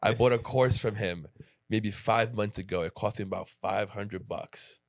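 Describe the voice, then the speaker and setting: Chatting casually in an interview, a male podcast host in his late thirties rambles, restarts, and wanders into asides. He speaks at a normal speed in a fairly low voice.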